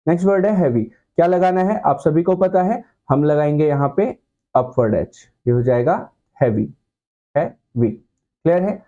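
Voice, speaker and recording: A man with a fairly high but mellow voice teaches a shorthand class, patiently quizzing the students and answering his own questions. The recording sounds dull and lo-fi. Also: animated, normal speed. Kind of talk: classroom lesson.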